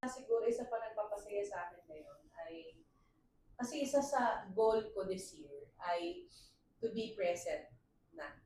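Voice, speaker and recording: Speaking at medium pitch and a measured pace, this podcast co-host in her 30s keeps the chat casual, laughing often and animatedly mixing English into her Tagalog. A failing mic has her talking loudly, captured from a distance in an echoey room with faint hiss.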